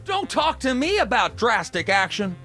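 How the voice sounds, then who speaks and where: A man's voice: very high-pitched, very animated, moderate pace, pushed and bright, soft background music, exaggerated voice. An actor playing a folksy, dim, rambling male president in a comic cartoon game, breezily oblivious. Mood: indignant rambling.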